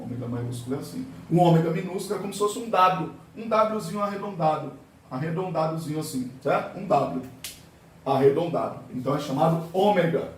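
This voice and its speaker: A male physics teacher giving a classroom lecture, asking questions and answering them himself, sometimes voicing students' objections. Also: high voice. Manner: asks and answers his own questions, voices students' objections. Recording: very echoey room, voice far from mic.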